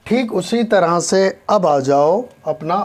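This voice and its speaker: A man's voice: sits high, animated, slow. A man teaching an English lesson in Hindi, spelling words out letter by letter and often calling his listeners friends. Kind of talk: spoken language lesson.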